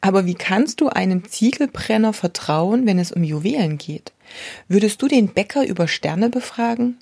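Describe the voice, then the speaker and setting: A woman reading aloud and voicing a stern old male mentor who lectures his pupil gruffly. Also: mid-range voice, expressive, normal speed, darkish tone, no echo, studio quality. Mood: lecturing.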